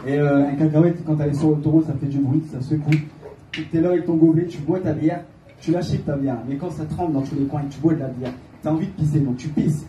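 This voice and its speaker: A man's voice: on the high side, steady tone, fast, dark tone, muffled recording. A young man from Calais with a northern French accent, doing a rambling stand-up set in a comedy club. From Calais, northern France. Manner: rambling, hesitant with frequent filler sounds. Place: comedy club stage, heard from the audience. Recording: echoey club audio from a distant mic. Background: audience laughter and room noise.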